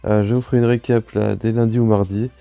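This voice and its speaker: A man talks through his game in a relaxed commentary voice-over, pausing often to collect his thoughts. His voice is deep and very mellow. The recording is dry, with soft music underneath. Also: vocal fry, no room sound, dull audio. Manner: relaxed, hesitant, frequent filler pauses. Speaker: clan gameplay video maker.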